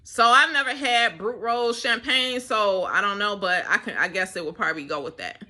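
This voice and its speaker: A woman's voice: medium pitch, normal speed, bright, forceful tone. A young woman vlogging in a casual, rambling chat, laughing often between thoughts. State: slightly winded.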